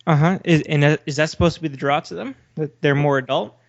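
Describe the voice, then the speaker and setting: Speaking quickly with some vocal fry, this fairly high-pitched man pushes back hard as a co-host on a laid-back podcast, debating argumentatively. The recording sounds a little dull and lo-fi.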